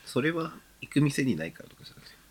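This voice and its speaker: A man's voice: medium pitch, sing-song, fast, breathy edge. A man co-hosting a podcast in casual chat, asking curious questions and giggling. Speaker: podcast co-host.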